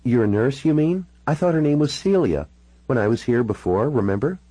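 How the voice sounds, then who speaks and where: A man's voice: mid-range voice, animated, moderate pace, dark tone, husky, no room sound, voice pushed up. A man voicing a polite, direct young woman in an audiobook. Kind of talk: audiobook character voice.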